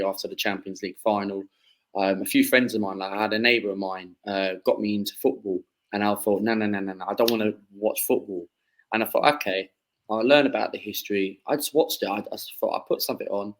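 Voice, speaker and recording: A man's voice: on the low side, poor audio. A man in his twenties from southeast England, a football fan chatting as a podcast guest, rambling with many fillers and restarts. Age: 20s. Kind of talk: casual chat.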